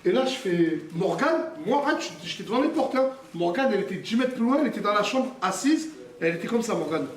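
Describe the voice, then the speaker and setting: A man's voice: sits high, animated, fast talker, recorded from a distance. A man telling a personal story on a live stream in casual slang, emphatic and acting out moments. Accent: French slang with Arabic loanwords. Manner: emphatic, acts out shouts and crying in the retelling. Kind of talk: casual storytelling among friends. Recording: roomy live stream audio from off-mic.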